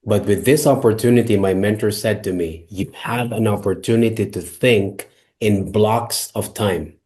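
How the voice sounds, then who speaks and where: A man from the Philippines, a guest telling his own story in a measured way. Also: lowish voice, darkish tone.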